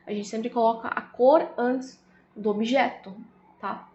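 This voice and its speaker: A woman with a Brazilian Portuguese accent teaches in a casual style, slowing down to check that her listeners follow. Her voice sits a little high. The recording is roomy and a bit muffled. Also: steady tone, dark tone. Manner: explains slowly, often adds "né?" and "tá?". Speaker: English teacher. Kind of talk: casual video lesson. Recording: echoey room, slightly dull audio.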